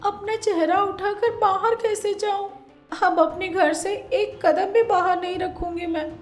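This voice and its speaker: A woman voicing a greedy, hot-tempered young daughter-in-law in a cartoon story, whiny when upset and sharp when angry. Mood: tearful. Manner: shrill, quick to anger, whiny when upset. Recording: roomy echo, faint music.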